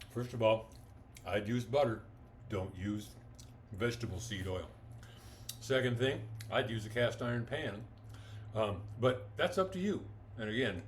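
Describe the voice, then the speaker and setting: A man's voice: mid-range voice, a little hiss or hum. Folksy man demonstrating cooking. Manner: folksy, enthusiastic, talks with mouth full while eating. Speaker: home cooking vlogger. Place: home kitchen.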